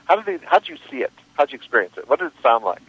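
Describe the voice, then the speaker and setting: A man's voice: medium pitch, sing-song, rapid-fire, husky, no room sound. Emphatic male radio coach, dull sound. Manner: probing, emphatic, repeats key phrases. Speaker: radio host and life coach. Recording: dry, dull lo-fi radio audio.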